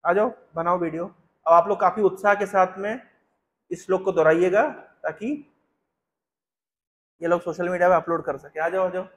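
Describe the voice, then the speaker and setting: Spiritual teacher, male, high-pitched voice, explains step by step and keeps questioning his listeners. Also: steady tone, normal speed, long pauses. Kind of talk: Hindi discourse with chanted Sanskrit verse.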